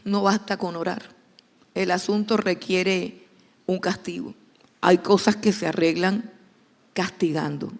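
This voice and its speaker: A woman's voice: lowish voice, steady tone, a little slow, long pauses. A woman pastor delivers a sermon. She speaks emphatically and repeats key lines to drive them home. Her voice carries a long echo, as if recorded in a large church hall.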